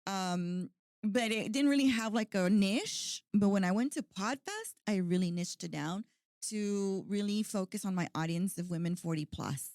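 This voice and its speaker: A woman's voice: medium pitch, expressive, normal speed, a little mellow, dry recording, clean studio sound. A woman in her forties hosting a podcast, talking in a chatty, earnest way with plenty of "like" and "you know". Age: 40s. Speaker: podcast host. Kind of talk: casual podcast chat.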